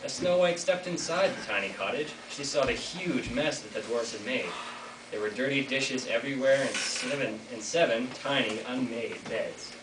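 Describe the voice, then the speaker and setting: A teenage boy, narrating a fairy tale, playfully jokes with the crowd at a school reader's theater. He speaks at medium pitch and a moderate pace. An echoey school classroom or hall, recorded from afar, adds plenty of noise.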